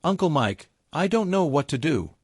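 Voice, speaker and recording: A man voicing an upset, scared teenage girl who speaks quietly and haltingly in a story reading. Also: fairly high pitch, sing-song, husky, no echo, clean studio sound, pitched above the performer's own voice. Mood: shaky.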